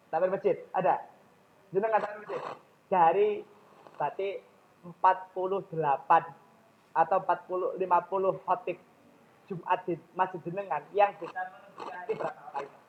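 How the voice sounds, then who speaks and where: A man's voice: high-pitched, steady tone, normal speed, long pauses, highs cut off. A man with a Javanese accent giving a public speaking lecture in a mosque, often questioning his audience directly.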